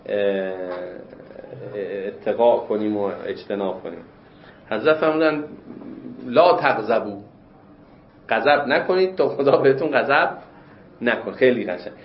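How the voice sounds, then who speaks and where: A man's voice: medium pitch, a little hiss or hum. A man teaching religious law in a classroom lecture. He explains texts and pushes his voice up sharply to stress his questions. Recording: roomy, dull lo-fi lecture recording.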